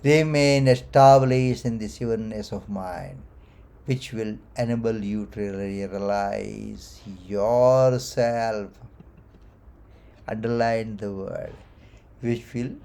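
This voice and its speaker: Slow, mellow-voiced man teaching scripture. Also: medium pitch. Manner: chuckles often while explaining, with gentle emphasis. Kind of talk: explaining scripture verses to a class. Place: temple hall.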